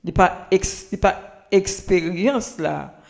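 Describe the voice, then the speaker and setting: A man's voice: high voice, creaky. A man with a Haitian Creole accent who gives an informal spoken lesson on pronunciation, repeating himself and restarting often. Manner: repetitive, halting, many restarts. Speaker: language tips presenter.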